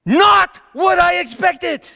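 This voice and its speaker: Male performer as wry, exasperated old-world carpenter, comic stage monologue, unhurried and very animated, big reverberant hall. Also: very high-pitched, creaky, full character voice. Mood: impassioned. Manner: theatrical, swinging between hushed asides and shouted exclamations. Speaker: storyteller preaching in character. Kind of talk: comic dramatic monologue to a congregation.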